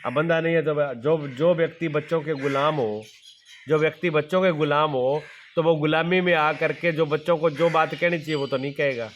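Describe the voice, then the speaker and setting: A man's voice: on the high side, fairly even intonation, normal speed, dull audio, a little hiss or hum. A middle-aged man giving a devotional sermon as a spiritual teacher. He asks rhetorical questions, answers them himself, and repeats plain everyday examples. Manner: repetitive, folksy everyday examples.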